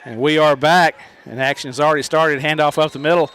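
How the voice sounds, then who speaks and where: A man's voice: a little high, steady tone, brisk, a bit bright, smooth. A man joining the booth as a guest commentator, joking and easygoing while calling plays. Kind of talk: casual commentary. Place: outdoor high school stadium. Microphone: headset.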